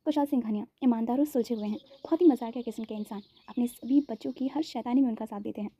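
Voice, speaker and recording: A woman narrating a dramatized story with lively acted dialogue. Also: fairly high pitch, fast, husky. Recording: dull, dry lo-fi recording.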